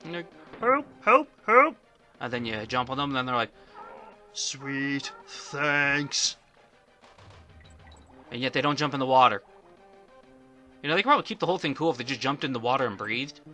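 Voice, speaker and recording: A man's voice: medium pitch, very fast, bright, forceful tone, faint music behind. A man giving casual let's play commentary, rambling and often stuttering on the first syllables of words.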